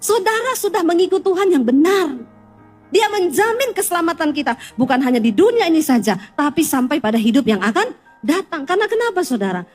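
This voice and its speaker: A woman pastor preaching a sermon to a congregation in a church. She tells lively stories with teasing humor and keeps calling out to her listeners. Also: extremely high pitch, brisk, soft background music.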